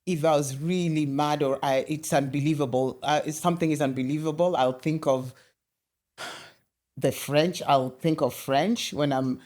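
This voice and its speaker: Speaking at a moderate pace in a low register, a middle-aged Kenyan woman recounts animated stories as an interview guest. She restarts often as she goes.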